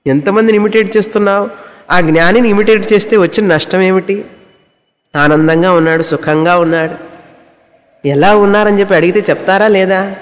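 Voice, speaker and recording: A man teaching a spiritual discourse on scripture, asking rhetorical questions and repeating phrases. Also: high voice. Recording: long hall reverb.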